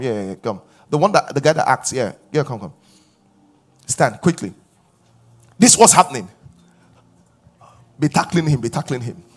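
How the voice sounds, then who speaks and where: A pastor in his forties delivers a sermon from a large church stage to a live audience, questioning the crowd. His husky, medium-pitched voice rises loud on key points.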